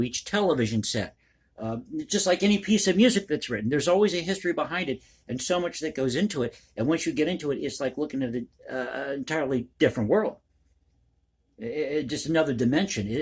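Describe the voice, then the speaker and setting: A man's voice: medium pitch, husky. A man hosting a casual ad-libbed vlog, talking in a rambling, folksy, conversational way. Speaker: online video host and commentator.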